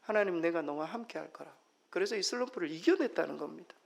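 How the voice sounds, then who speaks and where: A man preaching a Sunday sermon as pastor, emphatic, moving between loud exclamations and soft near-whispers. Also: fairly high pitch, animated, fast, gravelly. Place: church sanctuary. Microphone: microphone.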